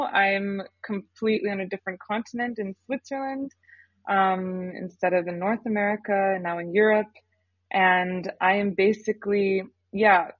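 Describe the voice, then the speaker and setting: Young woman, earnest startup founder type, husky timbre, dry dull studio recording. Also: on the low side, no echo. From Canada. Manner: earnest, lively, with filler pauses. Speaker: startup founder, podcast guest. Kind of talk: casual interview talk.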